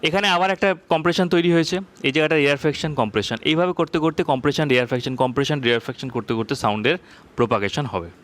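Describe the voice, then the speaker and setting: A man teaching a physics lesson, explaining in a conversational way and reading textbook lines slowly, often checking if it's clear. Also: on the high side, fairly bright tone.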